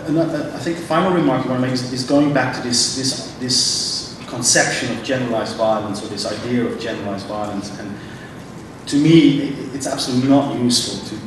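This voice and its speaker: A man speaking on a conference panel, halting and restarting often as he thinks aloud. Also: medium pitch. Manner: halting, many restarts and fillers. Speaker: panel speaker from a refugee agency. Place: large conference hall. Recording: echoey hall, distant mic, noisy.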